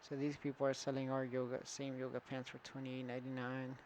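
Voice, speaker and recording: A man's voice: medium pitch, completely flat delivery, a little fast, a little mellow, a little hiss or hum, rough recording. A man walking through an online store setup in a casual screen-recorded tutorial, thinking aloud with fillers and restarts. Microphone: computer setup with screen recorder and camera.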